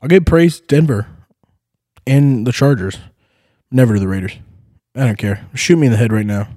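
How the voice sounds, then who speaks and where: A man's voice: medium pitch, moderate pace, no room sound, studio quality. A man hosting a sports podcast, chatting casually about football picks with rowdy, profane outbursts. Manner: rowdy, swearing, excitable outbursts.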